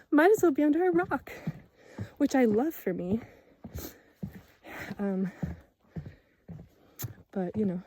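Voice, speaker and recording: A woman's voice: high-pitched, warm tone, no echo. A young woman vlogger chatting casually while walking a forest trail, rambling with self-mocking asides. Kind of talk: casual chat while hiking.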